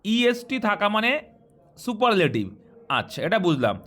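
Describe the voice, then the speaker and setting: A man's voice: high-pitched, sing-song, measured pace, fairly bright tone. A man teaching an English grammar lesson in speech, explaining step by step and quizzing his students.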